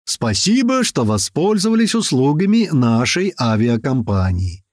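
A man voicing Kotleta, a reckless cheerful male fighter who shouts with glee. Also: medium pitch, very animated, unhurried, no echo, clean studio sound. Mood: gleeful shouting. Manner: shouting, gleeful.

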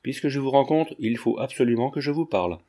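Man voicing a stern young gentleman, curt, accusing, mellow low-key tone. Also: animated, quick pace, close to an everyday voice. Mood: harsh. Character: stern, insistent young gentleman confronting a lady.

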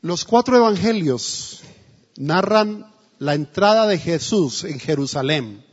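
The pastor's voice is a little high and breathy-edged, slow in pace with lively intonation. He preaches emphatically in a church hall, narrating a story and performing the quotes, on a dull, echoey recording.

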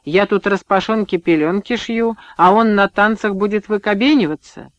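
A man's voice: sits high, normal speed, a bit bright, dry recording, voice pushed up. Man doing a bitter young village wife. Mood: bitter, scolding. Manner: scolding, sarcastic. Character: young pregnant village wife, jealous, sharp-tongued.

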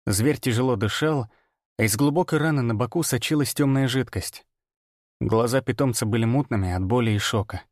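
Male audiobook narrator, first-person, measured, grim, mid pitch, dry close mic. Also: darkish tone, dry recording.

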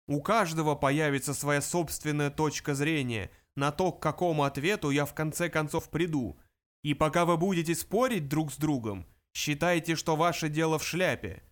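A huge, self-assured supercomputer that speaks slowly and deliberately in a booming voice, as a man acts it in an audiobook. The voice sits a little high and fills every phrase with calm authority. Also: natural voice.

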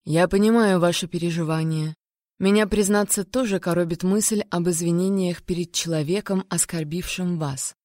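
A woman voicing an older male count, an uncle who speaks calmly and in a fatherly way. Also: on the low side, moderate pace, dry recording, studio quality, lightly acted. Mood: thoughtful.

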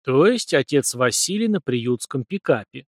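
A man narrating an audiobook in an expressive storytelling reading. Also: medium pitch, moderate pace, dry recording, clean studio sound. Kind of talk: scripted narration.

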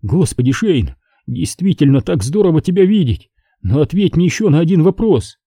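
A man voicing a frightened crewman in a deep-sea vessel who speaks in a hushed, anxious way. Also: big pitch swings, normal speed, breathy edge, no room sound, studio quality, exaggerated voice. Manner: whispering, anxious.

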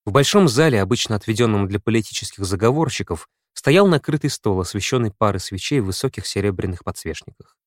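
A man with a low, dark voice narrates a first-person audiobook in a measured, brooding way. The recording is dry and close, with no room echo. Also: animated.

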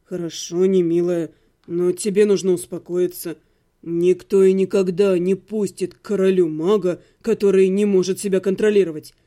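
A patient male necromancer speaks in a steady, soothing voice, pitched well below the reader's own, as a woman puts him on. His tone is mellow and unhurried, meant to calm. It is a storybook reading. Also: natural voice. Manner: even, soothing, low. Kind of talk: audiobook character voice.

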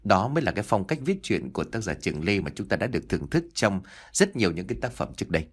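A man's voice: lowish voice, big pitch swings, quick pace, husky. A man narrating a ghost story, addressing listeners formally.

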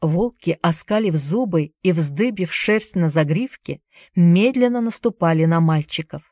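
A woman narrating a story in a steady storytelling manner. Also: fairly low pitch, unhurried, no room sound, clean studio sound. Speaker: audiobook narrator. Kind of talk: scripted narration.

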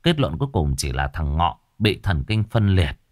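A man narrates a horror story in a low voice with lively swings of pitch. His storytelling is dramatic, and the recording is dry and close. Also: moderate pace, dry recording.

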